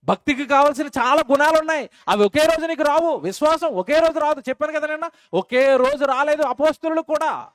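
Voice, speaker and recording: A man's voice: extremely high pitch, brisk. A male preacher, delivering a sermon to a congregation. He keeps asking the listeners questions and answering them himself, and he repeats phrases for emphasis.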